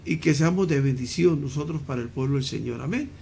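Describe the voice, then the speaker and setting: A man's voice: mid-range voice, fairly quick, gravelly, mellow, slight background noise. A man, a pastor hosting an online church call, affirming the speakers with frequent amens.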